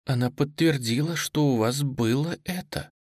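A man's voice: mid-range voice, normal speed, a little mellow, no room sound, pitched above the performer's own voice, close to an everyday voice. Storybook young woman, scared and teary, trembling pleas, voice lifted, done by a male reader; dry booth sound. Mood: tearful. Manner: trembling, pleading, tearful. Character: frightened tearful young woman, pleading.

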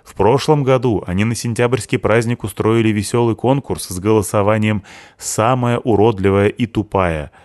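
A sullen, sharp-tongued seventeen-year-old girl from an audiobook, put on by a male reader. She speaks with weary sarcasm and bite. The voice stays low, recorded dry and close with no room echo. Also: steady tone, moderate pace, close to an everyday voice. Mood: bitter. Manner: bitter, sarcastic.

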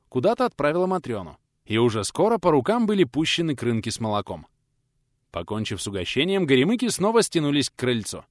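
Man narrating an audiobook, lively voice. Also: medium pitch, no echo, clean studio sound. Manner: voices characters with old-fashioned folksy speech and lisps. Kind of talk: audiobook narration with acted dialogue.

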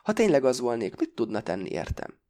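A man's voice: mid-range voice, wildly swooping pitch, warm tone. A man voicing a frail, stiffly composed man who speaks weakly and carefully, with dry mockery and German-tinged sounds. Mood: ironic. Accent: German-tinged pronunciation of French sounds. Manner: weak, carefully formed words, dry mockery.

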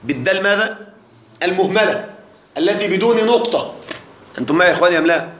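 A man's voice: sits high, animated, fast talker, fairly bright tone, echoey room. A man teaching an Arabic grammar lesson to a live class, explaining patiently, repeating key words and checking that the students are following.

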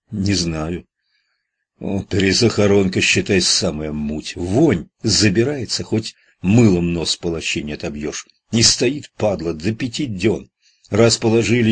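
A coarse old gravedigger from an audiobook, blunt and slangy, who grumbles more than he talks, as a male reader puts him on. His voice sits low and husky. He sounds rough around the edges. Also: heavily acted.

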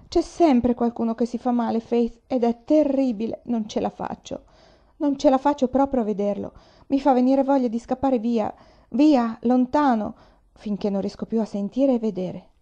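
Brief: woman reading as a sensitive, fearful young boy, soft and pleading, warm voice, muffled recording. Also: a little high, normal speed, pitched above the performer's own voice, natural voice. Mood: plaintive.

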